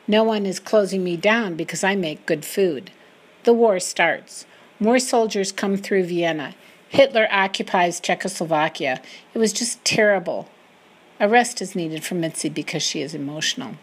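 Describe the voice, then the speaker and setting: A woman reading a first-person wartime memoir aloud, getting loud and emotional in the quoted speech. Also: medium pitch.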